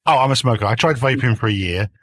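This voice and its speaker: A man's voice: mid-range voice, quick pace, husky. A man on a podcast as a guest, talking jokily through a noise-cancelled desk mic and laughing often. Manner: jokey, animated storyteller who laughs often. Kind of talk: casual chat.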